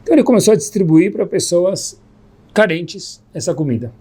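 A man's voice: sits high, a little fast, slightly rough. A man teaching a Torah class, telling stories and acting out the quoted dialogue as he goes. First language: Hebrew terms mixed in. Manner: animated storyteller, acts out quoted dialogue. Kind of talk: storytelling Torah lesson.

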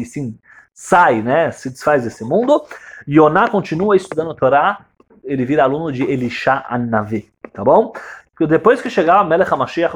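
A man teaching a religious lesson as a story, animated and checking in with his listeners. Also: medium pitch, a little hiss or hum. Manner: animated, checks in with tag questions, swings loud and soft. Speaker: Torah teacher.

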